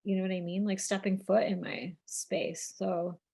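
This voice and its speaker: A woman co-host talks animatedly in a casual podcast chat, laughing often. Her voice sits at a middle pitch. She leans heavily on filler words. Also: fairly even intonation, normal speed, vocal fry, mellow, breathy edge.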